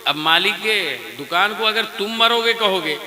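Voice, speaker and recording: A man preaching a storytelling sermon at a wedding gathering, animated and calling the crowd his dear friends. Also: high voice, echoey room. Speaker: Islamic preacher.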